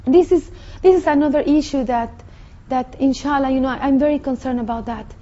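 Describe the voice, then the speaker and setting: A woman with a Mexican Spanish accent, earnestly telling her personal testimony in halting speech with many restarts. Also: high-pitched, warm tone, highs cut off. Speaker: convert sharing her testimony.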